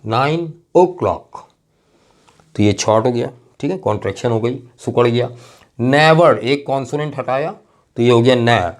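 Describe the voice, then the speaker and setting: Male teacher, mid-pitched, patient lecturing delivery with drawn-out example words. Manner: explains patiently, spells words out slowly letter by letter, checks understanding often. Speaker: English teacher. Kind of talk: classroom lecture.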